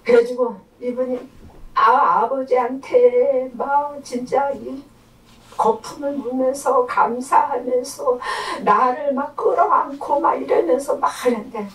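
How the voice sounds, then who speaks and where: A woman's voice: sits high, a little slow. A woman giving an emotional testimony in church, speaking fervently and acting out prayers and voices. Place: church sanctuary. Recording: echoey church hall, mic far off.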